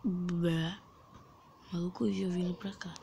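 A woman hosting a gaming channel, giving casual commentary while she plays a mobile game. She is excitable, exclaiming loudly and then dropping to whispers as she plays. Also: fairly low pitch, slow, creaky, slight background noise.

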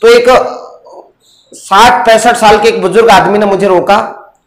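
A man's voice: sits high, steady tone, unhurried. A male maths teacher lecturing in a classroom and quizzing his students with questions. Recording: roomy echo.

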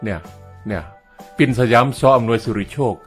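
A man's voice: on the low side, animated, fairly quick, slightly rough, soft background music. Joking Isan-accented man calling a fight. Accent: Northeastern Thai (Isan). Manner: joking, chatty, chuckles often. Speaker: fight commentator. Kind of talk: humorous play-by-play commentary. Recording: crowd noise from fight footage.

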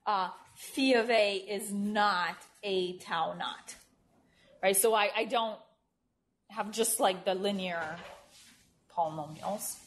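A woman teaches a math class in a lecture room, talking in a relaxed, unpolished way. She keeps checking in with her listeners and fixes her own phrasing mid-sentence as she writes on the board. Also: mid-range voice, slow, a little hiss or hum. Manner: informal, checks in with "right?", self-correcting. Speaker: mathematics lecturer.

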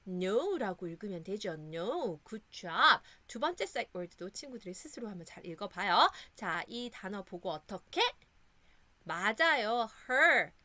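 A Korean woman teaching English sight words to children, encouraging them and repeating words slowly for them to echo. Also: mid-range voice, big pitch swings, bright, forceful tone.

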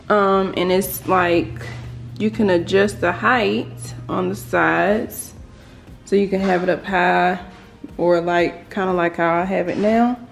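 A young woman talks to her viewers in a slow, unhurried way, calling them y'all while she films around her home on a phone. Her pitch sits in a middle range. Soft music plays faintly in the background. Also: vocal fry. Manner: chatty, addresses viewers as y'all. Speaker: vlogger. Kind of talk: casual vlog chat. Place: at home indoors. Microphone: handheld phone camera.

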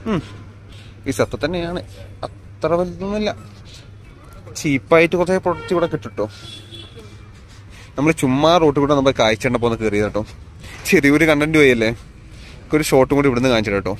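A man's voice: mid-range voice, a little fast, pauses often. A man walks a busy outdoor street, chatting casually to his viewers as he films on a phone with no external mic. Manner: chatty, addresses viewers as guys. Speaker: vlogger. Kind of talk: casual walking vlog. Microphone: phone camera, no external mic. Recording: phone recording with loud street noise. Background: street traffic and passers-by.

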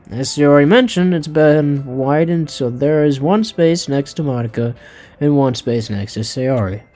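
A man's voice: fairly high pitch, warm tone. A man hosting a let's play, reading a visual novel aloud with jokes, swearing and tripping over his words.

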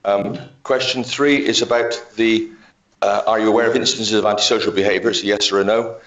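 A man's voice: fairly low pitch, fairly even intonation, brisk, a bit bright, poor audio. A man at a council meeting explaining a questionnaire hesitantly, with lots of fillers. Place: council chamber.

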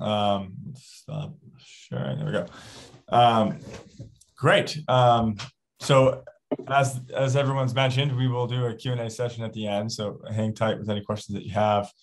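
A man's voice: mid-range voice, fairly even intonation, unhurried. A man moderating an online open house over a video call, upbeat and guiding, with many fillers. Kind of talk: hosting a virtual event.

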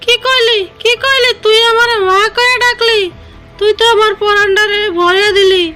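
A woman's voice: very high voice, level tone, moderate pace. A woman voicing a kindly, motherly female tree ghost in a cartoon, with a tender, doting, sweet old lady manner. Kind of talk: cartoon voice acting. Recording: music behind the voice.

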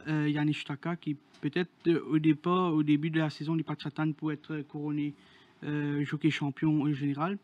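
Flat-voiced man, dull audio. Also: a little high. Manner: hesitant, many fillers while reading a list. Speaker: horse racing show co-host. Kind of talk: reading out award winners.

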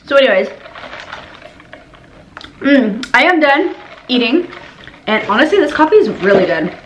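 A woman's voice: high voice, big pitch swings, normal speed, fairly bright tone, a little hiss or hum, low-quality recording. A young woman chatting casually to viewers while eating on camera, giggly and full of "like"s. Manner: chatty and giggly, with many "like"s and laughs. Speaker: mukbang vlogger. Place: home room while eating.

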